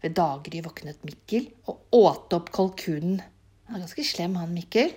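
Woman storyteller, husky voice, casual folk-tale reading, chatty asides, occasional whispering. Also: fairly low pitch, lively intonation, warm tone.

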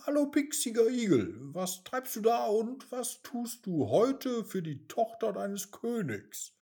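A man's voice: sits high, big pitch swings, takes it slowly, a little mellow, husky, voice pushed up, full character voice. A man voicing a spoiled, haughty young mouse princess who talks snippily and bosses others around.

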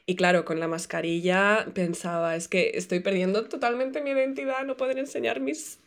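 A woman's voice: mid-range voice, steady tone, moderate pace. A woman hosting a podcast who chats enthusiastically with casual slang and asks rambling questions. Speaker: podcast host. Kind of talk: casual interview chat.

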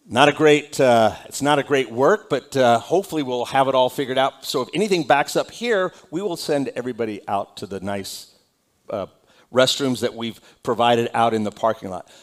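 Pastor type, man, easygoing announcements voice, talks off the cuff with plenty of "uh"s. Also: medium pitch. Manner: casual, conversational, with frequent fillers and restarts. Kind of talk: church announcements and onstage interview. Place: church sanctuary.

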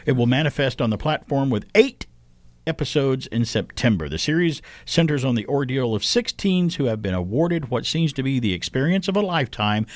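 A man hosts with casual chat and read-out entertainment news. His mid-pitched voice has lively movement, and the sound is dry. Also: fairly quick, dry recording. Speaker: show host.

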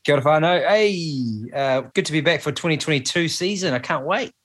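A man's voice: a little high, animated, brisk. A man with a Maori-influenced New Zealand accent, chatting casually as a sports podcast panellist. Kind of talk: casual sports commentary chat.

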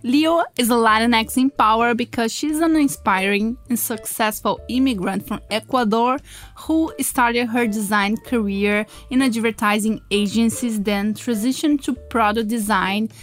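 Higher-voiced woman hosting a podcast. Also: a little slow, faint music behind. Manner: warm introductions, brief affirmations. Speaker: podcast host. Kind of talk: podcast interview.

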